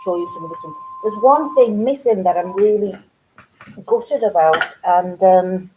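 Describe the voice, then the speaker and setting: A woman's voice: mid-range voice, unhurried, noisy background. A woman with a Geordie accent hosting a casual live craft stream from home, chatting and rambling with lots of ums. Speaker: craft channel host.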